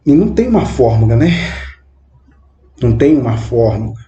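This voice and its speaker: A man in his twenties giving a reflective spoken monologue, with halting, measured phrasing and frequent questioning tag words. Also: mid-range voice, sing-song, warm tone, lo-fi sound. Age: 20s. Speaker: channel host. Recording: roomy echo with faint background noise.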